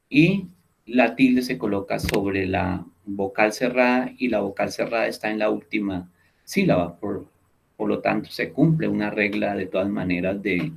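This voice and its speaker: A man with a lowish, creaky, slightly rough voice teaches an online class over video call. He explains step by step, repeats key words, and keeps checking in with his students by asking "¿listo?".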